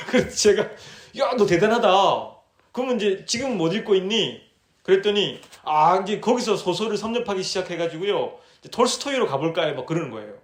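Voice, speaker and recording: A man with a high-sitting voice and huge pitch swings preaches a sermon at a church retreat, talking a little fast in a reverberant space. His style is conversational: he asks the audience questions and acts out his own dialogue while telling stories.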